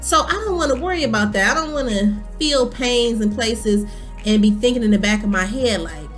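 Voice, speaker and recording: A woman in her thirties chatting casually to camera as a vlogger, animated and full of ums. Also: a little high, moderate pace, soft background music. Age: 30s.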